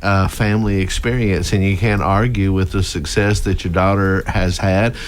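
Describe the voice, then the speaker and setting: A middle-aged man with a Mississippi Southern accent, speaking in a courteous, folksy, measured way as a guest in a radio interview. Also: deep voice, steady tone. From Mississippi, United States. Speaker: university president, interview guest. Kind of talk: in-studio radio interview, storytelling. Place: radio studio. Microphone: studio microphone, close.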